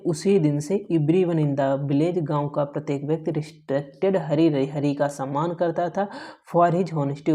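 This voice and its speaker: A male English teacher going through a story line by line, saying each English phrase slowly, translating it into Hindi and asking short rhetorical questions with frequent "ठीक है" check-ins. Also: on the high side, warm tone. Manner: keeps adding "ठीक है" as a check-in.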